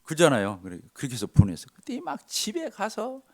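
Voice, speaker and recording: A man's voice: a little high, brisk. A middle-aged male pastor tells stories from his church in a sermon and acts out the dialogue. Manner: animated, acts out dialogue with shifts of voice. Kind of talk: sermon storytelling.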